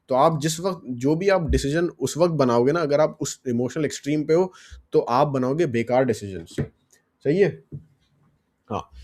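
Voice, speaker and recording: A man's voice: mid-range voice, a little mellow. A young man from Pakistan, giving casual advice in a blunt manner, swearing and checking in with "right?" tags. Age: young adult. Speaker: vlogger. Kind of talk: casual advice vlog mixing Urdu and English.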